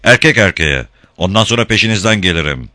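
A man's voice: low voice, lively intonation, a little fast, sharp tone, no room sound, clean studio sound. A man voicing a young male sea captain who speaks in a hard, resolute way in an audiobook. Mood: stern. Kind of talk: audiobook character voice.

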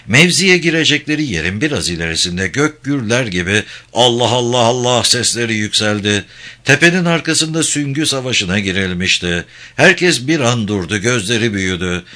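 A man narrating a war novel in a steady storytelling delivery. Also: fairly low pitch.

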